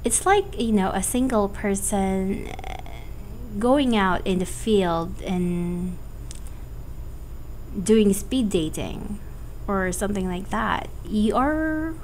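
A woman with a cold and a cracking voice, giving a casual tarot forecast in a halting, hesitant way. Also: mid-range voice, a little mellow, slight background noise, low-quality recording. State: has a cold. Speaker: tarot reader.

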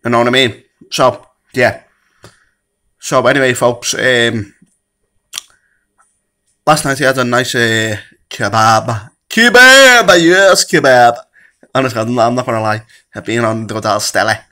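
Man, bright forceful voice, blunt and sweary, casual vlog. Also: mid-range voice, level tone, a little slow, long pauses. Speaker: vlogger. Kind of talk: casual rant to camera.

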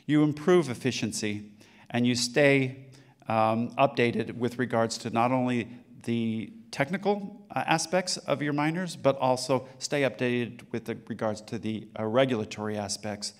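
A man's voice: medium pitch, normal speed. A man in his sixties giving a conference talk on stage into a handheld mic, with a loose delivery full of fillers and restarts. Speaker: conference speaker. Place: dark conference stage with a large room.

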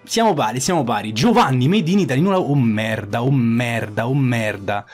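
A man's voice: medium pitch, expressive, normal speed, breathy edge, soft background music. A man commenting on his own mobile game match, swearing often and repeating phrases in frustration. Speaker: gaming YouTuber. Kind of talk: live gameplay commentary.

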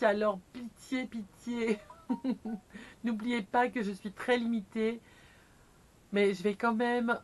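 Her voice runs somewhat high. She's a middle-aged woman filming a vlog inside her camper van, cheerfully chatting and joking at her own expense as she shows viewers a screen step by step.

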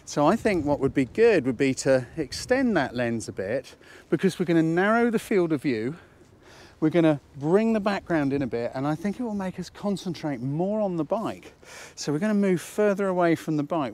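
A British man in his fifties with a squeaky voice from a cold, chatting casually and jokily as he teaches outdoors, often asking rhetorical questions. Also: expressive, normal speed, a little mellow. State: has a cold. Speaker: photography instructor and presenter. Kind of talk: casual instructional talk to camera. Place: outdoors at a waterside harbour slipway.

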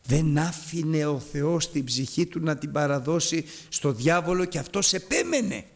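A man preaching a sermon, retelling scripture dramatically, his voice climbing and falling sharply as he addresses the congregation. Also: animated. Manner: dramatic retelling of scripture with big rises and drops in pitch; addresses the congregation directly and urges them.

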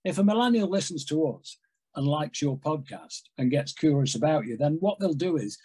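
Older man, husky voice, lively swooping pitch, chatty storyteller, video call audio. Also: moderate pace, rough recording. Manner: animated, rambling storyteller with big hand gestures. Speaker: guest, music industry executive. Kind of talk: casual interview chat. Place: home room with framed records on wall.

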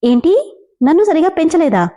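A woman voicing a timid young woman in love who cries easily, speaking softly and pleadingly. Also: extremely high pitch, expressive, moderate pace, pitched above the performer's own voice. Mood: indignant.

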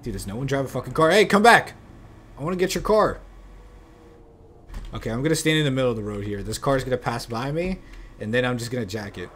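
A man streaming video games, giving casual running commentary, excitable and swearing as he plays. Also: medium pitch, rapid-fire, slight background noise. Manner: excitable, swears and shouts at the game.

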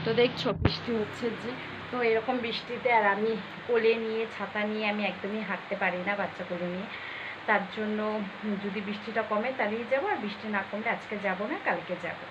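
A woman's voice: medium pitch, quick pace, lo-fi sound. Chatty young woman vlogging at home. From Bengal. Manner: chatty, addresses viewers directly, explaining household chores. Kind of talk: casual home vlog narration. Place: small home. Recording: noisy home recording.

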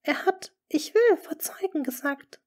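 A woman reading a frightened, high-strung court lady. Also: animated, unhurried. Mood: alarmed. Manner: tense, trembling, urgent. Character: anxious noblewoman, lady-in-waiting. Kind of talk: audiobook character reading.

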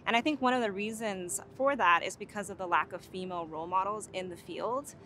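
A woman's voice: mid-range voice, brisk, sharp tone, slight background noise. A young woman who is a PhD student, speaking earnestly in an outdoor interview testimonial. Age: young adult. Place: outdoors on campus.

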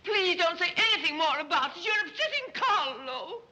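A high, bright, sing-song voice that flits up and down, belonging to a dizzy society matron. She dithers and titters through every line in classic 1930s screwball film style. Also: sing-song, normal speed, full character voice, rough recording. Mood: airy, fluttery. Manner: fluttery, dithering, giggly. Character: flighty scatterbrained society mother. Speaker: mother.

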